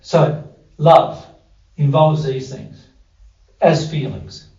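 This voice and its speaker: Guy with an australian accent teaching a group, a bit high-pitched, echoey living room, kinda muffled and far from the mic. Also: very slow, darkish tone. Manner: conversational, repeats answers back, acts out quoted voices. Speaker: spiritual teacher. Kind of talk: informal teaching talk to a group. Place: living room with a small audience.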